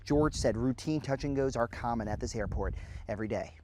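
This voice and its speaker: A man's voice: mid-range voice, a little fast, mellow, slight background noise. A man narrating a scripted television news report as a field reporter.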